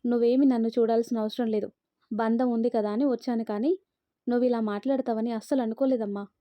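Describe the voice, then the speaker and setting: A woman's voice: on the high side, steady tone, fairly quick, warm tone, no echo, close to an everyday voice. A woman voicing a hurt, resentful grown daughter pleading with her mother.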